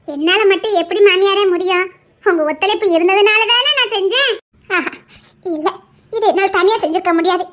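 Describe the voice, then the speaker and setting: A woman's voice: extremely high pitch, a little fast, a bit bright. A woman acting a cheeky, playful daughter-in-law in a comic skit, with a Tirunelveli Tamil accent. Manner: cheeky, teasing. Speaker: comic actor.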